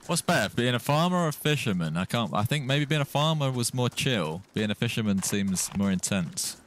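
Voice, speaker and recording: Lively man chatting through a game. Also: mid-range voice. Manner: excitable, quick warnings and laughs. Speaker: gamer playing with friends. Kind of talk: casual gameplay chat.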